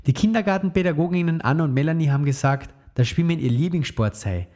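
A man narrating a children's story aloud in a steady, clear read-aloud manner. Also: fairly high pitch, quick pace.

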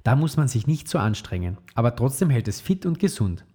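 A man reading the lines of a kind, patient mother in a children's story, in a gentle, explaining tone. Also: medium pitch, very animated, a little fast, slightly rough.

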